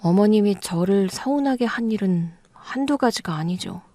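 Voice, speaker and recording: A woman's voice: mid-range voice, expressive, moderate pace, dark tone, no room sound, close to an everyday voice. A woman voicing a younger daughter-in-law in an audio drama, pressing and reproachful. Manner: insistent, reproachful. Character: younger second daughter-in-law, blunt and accusing.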